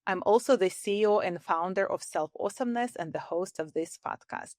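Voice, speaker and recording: A woman hosting a podcast interview, upbeat and quick to laugh. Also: medium pitch, darkish tone, dry recording, studio quality. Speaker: podcast host.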